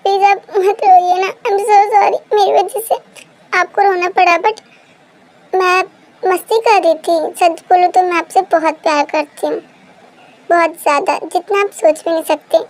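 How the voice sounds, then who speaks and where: A woman's voice: extremely high pitch, fairly even intonation, unhurried, a little mellow. A woman voicing a young female student confessing her love for her professor, in a fan-fiction story. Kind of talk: Hindi fan-fiction read-aloud.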